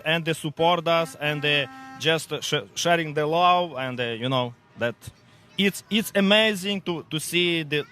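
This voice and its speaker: A man with a Ukrainian accent, a truck driver answering a street interview outdoors in halting English with many restarts. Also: on the high side, bright, forceful tone. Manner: halting non-native English with many repeats.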